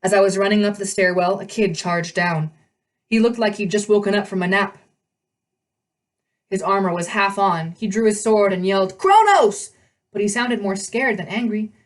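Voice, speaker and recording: A woman reading a novel aloud with animated delivery, often stumbling and correcting herself. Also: medium pitch, moderate pace. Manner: animated reading, frequent slips and self-corrections. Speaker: read-aloud host.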